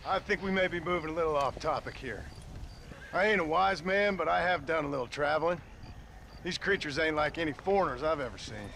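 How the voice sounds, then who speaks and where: An actor playing a weary, laconic gunslinger in a video game, speaking in a dry Western drawl. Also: male voice, fairly high pitch, a little fast, bright, forceful tone, slight background noise, rough recording. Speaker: wandering gunslinger. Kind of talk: video game cutscene acting.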